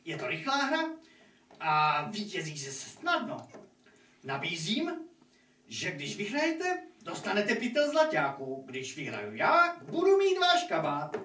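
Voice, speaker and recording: A scheming devil lord in a puppet fairy tale. He is imperious and theatrical, with pitch that swings widely. The sound is distant and echoey. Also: wildly swooping pitch, pushed and bright, exaggerated voice. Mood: sly, tempting. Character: haughty scheming devil doctor, ruler of hell, puppet villain. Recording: echoey room, distant microphone, noisy.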